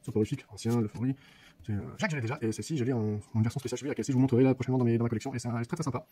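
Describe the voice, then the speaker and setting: A man's voice: medium pitch, fairly even intonation, rapid-fire, warm tone, slightly rough. A man casually talking viewers through opening card packs, hesitant and repeating his words, with a slight stammer and an accent. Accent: non-standard French accent. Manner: chatty, often addresses viewers directly. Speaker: card-opening channel host. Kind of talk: casual unboxing commentary. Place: office.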